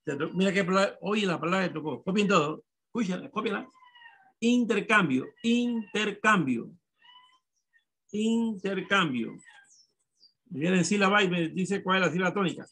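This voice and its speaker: A man's voice: sits high, fast, sharp tone, breathy edge. A male primary school teacher running an online class, calling on pupils and patiently spelling words out syllable by syllable.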